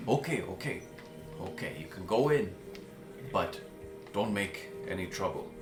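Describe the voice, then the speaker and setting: A man voicing a gruff town gate guard who grudgingly lets people in. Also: deep voice, animated, unhurried. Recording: roomy sound with music behind.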